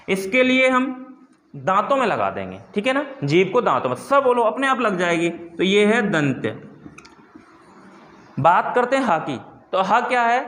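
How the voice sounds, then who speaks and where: Guy teaching hindi letters, high voice, asks then answers himself, echoey room. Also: fairly bright tone. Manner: repeats key terms for emphasis. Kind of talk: classroom lesson.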